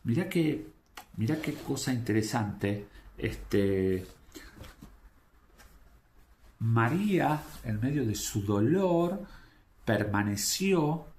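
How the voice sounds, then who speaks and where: A man giving a devotional talk as a preacher, unhurried and reflective, pausing often with fillers. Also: mid-range voice, darkish tone. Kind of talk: devotional talk with scripture reading.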